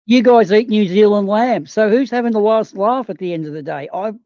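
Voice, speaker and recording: High, mellow-voiced teasing man. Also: no echo. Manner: teasing, quick to laugh. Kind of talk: casual chat. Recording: dull dry lo-fi voice-chat audio.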